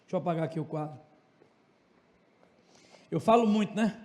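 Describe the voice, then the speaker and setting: A man with a Tocantins Brazilian accent teaching a class in a joking way, talking loud and fast with asides to his students. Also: fairly high pitch. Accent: Brazilian Portuguese, Tocantins region. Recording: long reverb of a classroom.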